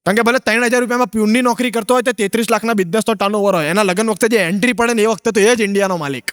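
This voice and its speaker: A man doing rapid comic patter about weddings as a stand-up comedian. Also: high voice, a bit bright, no echo, clean studio sound, in a large hall. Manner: rapid-fire jokey patter. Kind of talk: stand-up storytelling.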